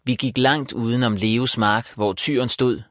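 A man narrating a children's story as an audiobook, in a calm, even storytelling manner. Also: medium pitch, no echo. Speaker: audiobook reader. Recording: dry close voice.

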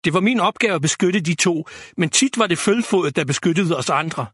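A man's voice: high voice, expressive, a bit bright, husky, dry recording, clean studio sound, heavily acted. A man voicing an earnest young elf knight in a storybook, speaking modestly and sincerely.

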